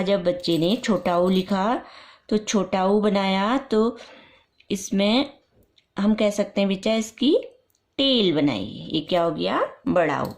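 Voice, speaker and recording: A woman teaching young children's letter sounds step by step for parents, repeating each sound slowly. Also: mid-range voice, a little mellow. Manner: slow, repetitive, drawn-out letter sounds. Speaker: nursery teacher.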